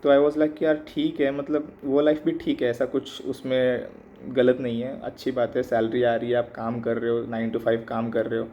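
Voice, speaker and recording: A flat, mid-range male voice at normal speed comes from an exam aspirant vlogger in his mid-twenties. He talks in a casual, reflective monologue, hesitant and filler-heavy, blending English into Hindi. The recording is muffled, a bit lo-fi, with faint background noise.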